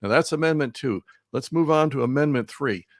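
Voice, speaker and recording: Heated and emphatic, a man from Missouri offers political commentary as a talk show's remote guest via video call, frequently repeating himself. He talks fairly quickly at a medium pitch. The audio is clean, studio-quality, and echo-free.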